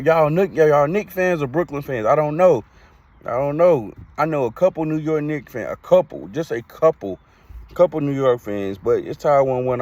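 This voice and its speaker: A man from North Carolina, hosting a podcast and giving blunt, slangy basketball takes, often repeating himself for emphasis. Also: mid-range voice. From Greensboro, North Carolina. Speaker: podcast host. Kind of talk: casual sports talk.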